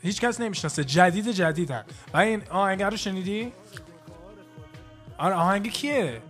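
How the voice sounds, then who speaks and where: Male call-in host, American-tinged accent, high and playful. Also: expressive, soft background music. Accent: American-tinged Persian. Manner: jokey, loud greetings, banters with callers. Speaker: radio host. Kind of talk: call-in radio chat.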